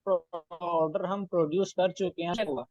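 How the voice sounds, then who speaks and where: A male student asking a question in an online class over a bad connection that keeps cutting out, speaking haltingly and checking that he can be heard. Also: high-pitched, steady tone, a little mellow, no room sound, dull audio. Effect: choppy, breaking-up online call audio.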